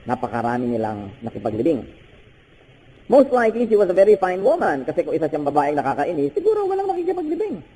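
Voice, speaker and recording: An older man with a Filipino accent, preaching a sermon with animated bursts and switching between Tagalog and English. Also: fairly quick, a little hiss or hum. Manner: animated preaching with sudden high-pitched bursts. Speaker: pastor. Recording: hall with long reverb.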